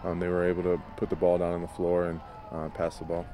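A man interpreting a player's answers into English in a relaxed, conversational way, paraphrasing with fillers. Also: low-pitched, quick pace.

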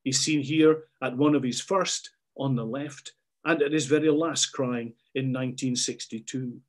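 Guy reading documentary narration, average pitched voice. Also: measured pace.

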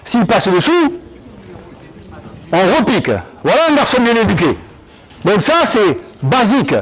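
A man coaching a basketball drill in an indoor gym, calling out commands and explaining moves in an animated, commanding way. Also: high-pitched, measured pace, breathy edge, rough recording. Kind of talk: on-court coaching demonstration.

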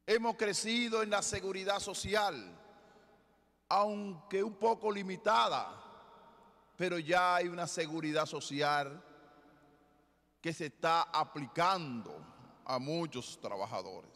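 Middle-aged male bishop, high bright voice, measured sermon in a long-reverb church. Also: gravelly. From Dominican Republic. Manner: slow, deliberate preaching with rhetorical questions. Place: large basilica with congregation. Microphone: ambo microphone, far camera.

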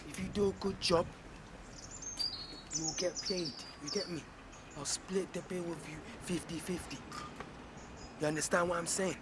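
A commanding young gang leader, played by a man, gives orders in a fairly high voice. He is insistent and direct. Outdoor noise with birds sits clearly behind him. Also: fairly even intonation, normal speed, pauses often, close to an everyday voice. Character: young male gang boss giving orders.

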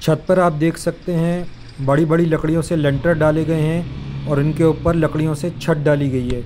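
A man, narrating a travel vlog with measured, admiring commentary. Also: a little high, steady tone, background noise. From Pakistan. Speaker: travel vlogger.

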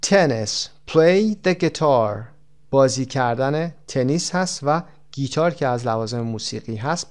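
Guy going through a textbook lesson, says example phrases slow and careful, rushes the explaining. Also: mid-range voice, a little mellow, clear, resonant tone. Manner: switches between quick explanations and slow, stretched-out example phrases. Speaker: English teacher.

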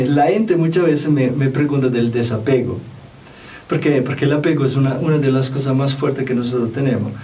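A man from Europe, a spiritual teacher, giving an unhurried, conversational talk and putting questions to the listener. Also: medium pitch, mellow, slight background noise. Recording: voice distant from the mic.

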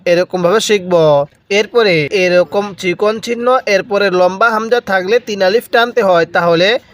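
Man teaching quran recitation, high voice, slow drawn-out chanting, quick explanations. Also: fairly bright tone. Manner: repeats words for the viewer to copy. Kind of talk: step-by-step recitation lesson.

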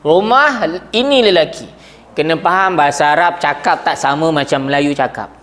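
Male language teacher, high pitch, lively classroom lecturing, keeps checking the class follows. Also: normal speed. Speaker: Arabic grammar teacher.

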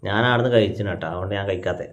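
A man's voice: sits low, rapid-fire. A young man with a North Malabar Malayalam accent, chatting casually to viewers in a family vlog at home and explaining things as he goes. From Kannur, Kerala. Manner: chatty, explains things to viewers, calls out loudly to his grandmother. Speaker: family vlogger. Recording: dull lo-fi sound.

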